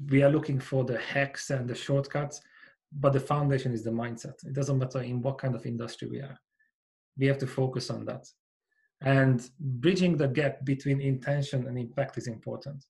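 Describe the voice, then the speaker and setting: A man's voice: medium pitch, a little mellow. Hungarian-accented man on a headset mic. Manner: earnest, measured, explanatory. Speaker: company founder, guest. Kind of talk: podcast interview over video call. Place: small home office with bookshelves. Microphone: over-ear headset with boom mic.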